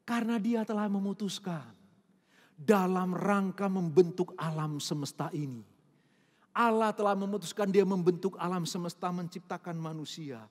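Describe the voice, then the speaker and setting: A middle-aged male pastor preaching a sermon, firing rhetorical questions and building to loud, emphatic peaks. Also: high voice, moderate pace, in a large hall. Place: church hall.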